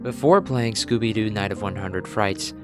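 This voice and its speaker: A man with a fairly low voice reads a scripted game video essay. He keeps a deadpan, mock-serious tone, treating everything with dramatic gravity. Music plays clearly underneath. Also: moderate pace.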